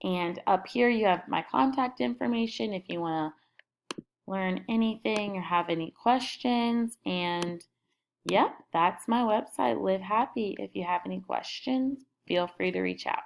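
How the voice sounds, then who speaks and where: A woman's voice: medium pitch, a little slow, creaky, a little hiss or hum. A young woman narrating a screen recording walkthrough of her class website, casually and upbeat, listing item after item. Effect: screen recording voice-over.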